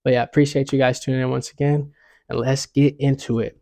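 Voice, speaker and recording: Young man, sports picks vlog host, laid-back slangy chatter, gravelly low-key tone, dry close sound. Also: flat delivery, brisk, warm tone, no echo. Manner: laid-back slangy, says "you know what I'm saying" a lot. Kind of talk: casual sports picks talk.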